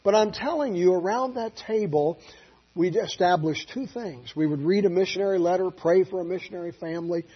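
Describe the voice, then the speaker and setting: A man preaching a sermon as a pastor, telling folksy stories and swinging from quiet asides to loud, emphatic peaks. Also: high-pitched, a little fast, breathy edge, lo-fi sound. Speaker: Baptist pastor.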